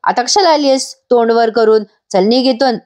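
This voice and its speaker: A haughty mistress of the house barks orders with open scorn, put on by a woman narrator. The voice sits a little high and stays commanding. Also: moderate pace, a little mellow, close to an everyday voice. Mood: scornful.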